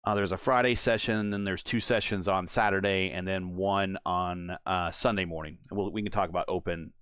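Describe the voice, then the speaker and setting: Laid-back guy on a racing stream, lowish smooth voice, dry mic. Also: fairly even intonation, normal speed, a bit bright, dry recording. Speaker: sim racing broadcast co-host. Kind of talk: casual podcast chat.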